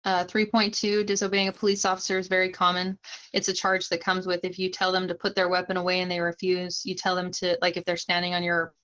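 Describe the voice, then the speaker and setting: A young woman streaming casually explains the rules in a fairly low, fairly bright voice that's completely flat and quick. She's chatty, turns to talk with chat mid-explanation and laughs easily, all through a dull lo-fi mic.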